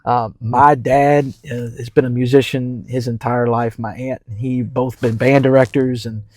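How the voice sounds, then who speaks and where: Podcast guest, man from New Orleans, over thirty-five, relaxed and halting, repeats words, mid voice, dry close mic. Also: mid-range voice, no echo. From New Orleans, Louisiana. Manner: easygoing, repeats words while thinking, many fillers. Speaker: community development manager for a baseball team. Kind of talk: casual podcast conversation.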